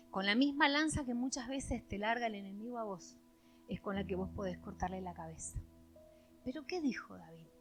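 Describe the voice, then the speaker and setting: A woman pastor with an Argentine accent preaching a sermon, swinging dramatically between loud declarations and hushed lines. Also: a little high. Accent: Argentine Spanish.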